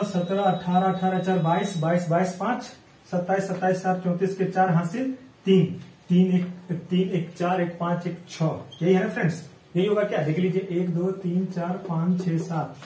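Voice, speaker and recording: A man teaching a reasoning class in a casual, coaxing way. He keeps asking the viewers questions, counts sums aloud in quick running tallies, and is still getting over an illness. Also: sits high, warm tone, echoey room, distant mic, low-quality recording. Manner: chatty and coaxing, asks questions and answers them himself. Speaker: online exam tutor.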